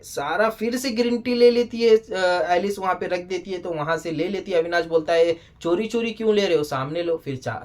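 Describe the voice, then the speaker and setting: A TV show reviewer giving a casual spoken episode recap, animated, often exclaiming and scolding the people on screen. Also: mid-range voice.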